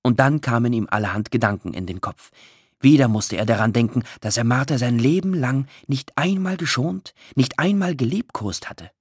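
A man reading a literary story aloud, expressive and emotional, with drawn-out pauses. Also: mid-range voice, husky, no echo, clean studio sound. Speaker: audiobook narrator. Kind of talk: scripted literary narration.

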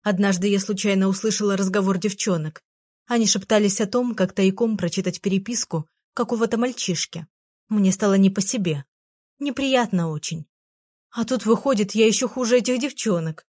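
Brief: female audiobook reader, mid pitch, dry close mic, gentle storytelling. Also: moderate pace, dry recording. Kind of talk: first-person story narration.

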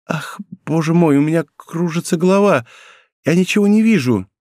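A man's voice: a little high, lively intonation, normal speed, a little mellow, dry recording, studio quality, close to an everyday voice. A man voicing a frail young woman in love. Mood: anxious. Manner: pleading, breathless emotional delivery. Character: young woman, frail, loving, dying of poison. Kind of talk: audiobook role reading.

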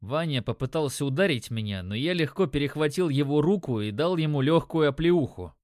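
A man's voice: on the high side, no echo. Man narrating an audiobook, dry close sound. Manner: steady, measured storytelling.

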